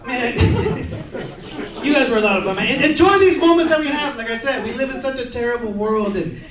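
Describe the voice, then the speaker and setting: A young man doing a stand-up comedy set on a club stage, telling stories loudly and shouting out the lines he quotes. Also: very high-pitched, moderate pace. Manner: loud, excitable storytelling, shouting acted-out quotes. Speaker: stand-up comedian hosting a veterans show. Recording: echoey club, mic heard from a distance, crowd laughter.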